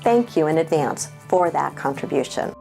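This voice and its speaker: A woman's voice: sits low, expressive, normal speed, creaky, mellow, soft background music. A woman reverend speaking directly to viewers in a friendly, gracious way, asking for their support.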